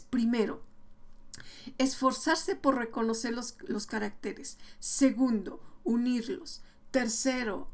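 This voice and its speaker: A woman explaining to parents how to read with young children, patient and step by step, slowing down to sound out words. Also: a little high. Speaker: early literacy educator.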